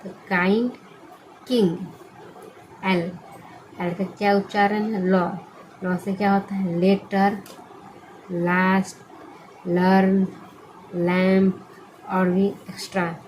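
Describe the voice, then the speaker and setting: A woman's voice: mid-range voice, level tone, slow, long pauses, darkish tone, slight background noise, poor audio. A woman teaching English letter sounds in a classroom style, asking questions and answering them herself. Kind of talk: classroom-style pronunciation lesson.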